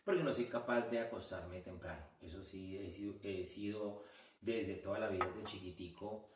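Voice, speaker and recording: A Colombian man talks casually as a podcast guest, his voice sitting fairly low. He fills his speech with little hesitations and restarts. The sound is roomy and echoey, and he is a little distant from the microphone. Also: normal speed. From Colombia, Quindío region. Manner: chatty, with many fillers and restarts. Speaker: guest, orthodontist. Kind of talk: casual interview chat. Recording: echoey room, voice a bit off-mic.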